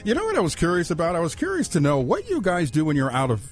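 A man's voice: a little high, wildly swooping pitch, fast talker, soft background music. A man hosting a church radio talk show, upbeat and chatty as he interviews guests. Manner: upbeat, chatty, laughs easily.

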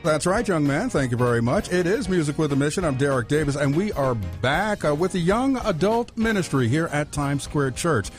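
A man's voice: fairly high pitch, animated, moderate pace, hardly any pauses, faint music behind. A man hosting a church radio talk show, upbeat and chatty as he interviews guests. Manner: upbeat, chatty, laughs easily.

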